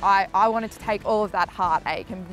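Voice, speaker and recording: A woman's voice: mid-range voice, normal speed, fairly bright tone, faint music behind. Candid young woman, reflective. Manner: candid, emotional, trailing off into fillers. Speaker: professional netball player. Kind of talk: documentary interview, reflective.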